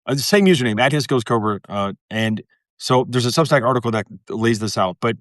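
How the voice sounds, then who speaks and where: A man's voice: medium pitch, fairly quick, a bit bright. Guy rambling thru a casual interview, lots of restarts, dry sound, no room echo. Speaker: guest.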